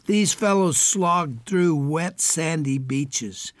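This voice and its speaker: An older man hosting an American radio show reads a prepared letter in a raspy, somewhat high voice, his speech a little strained and unclear. Each item in his lists gets stress as he reads gravely and deliberately. There's no echo on the recording.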